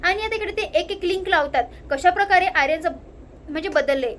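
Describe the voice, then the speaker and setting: A woman's voice: very high-pitched, brisk, fairly bright tone, slight background noise. A woman with a Marathi accent casually recapping a TV serial episode, leaning on the same filler phrases. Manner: repeats filler phrases like "now here". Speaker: narrator retelling a TV serial episode. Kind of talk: casual spoken story recap.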